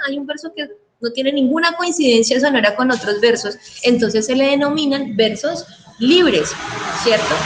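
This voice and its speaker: A middle-aged Colombian woman teaches over a video call, her voice sitting fairly high. She explains step by step and keeps checking that the class follows. A faint hiss sits under the line. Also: fairly bright tone, rough recording. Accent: Colombian Spanish. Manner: patient, checks understanding with frequent questions.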